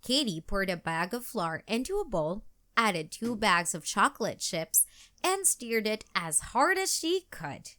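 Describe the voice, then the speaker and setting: Slow, expressive woman reading a kids' book. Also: mid-range voice. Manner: slow, expressive, sing-song storytelling. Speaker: storybook reader. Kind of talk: children's read-aloud narration.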